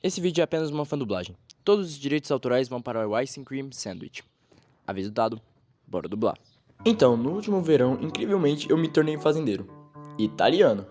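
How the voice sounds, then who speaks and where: A young man with a Brazilian Portuguese accent, dubbing an animated storytime as its first-person narrator, telling it in a quick, animated way. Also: medium pitch. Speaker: fan dubber narrating a storytime. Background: faint background music.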